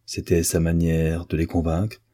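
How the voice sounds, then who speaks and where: A man reading a classic novel aloud, in measured, steady literary narration. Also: low voice. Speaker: audiobook reader.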